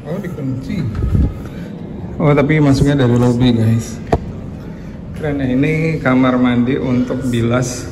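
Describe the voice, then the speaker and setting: A man giving a casual walkthrough of a hotel, chatty and quick to exclaim at what he finds. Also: mid-range voice, very noisy. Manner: chatty, exclaims at discoveries, addresses viewers as guys. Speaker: hotel reviewer.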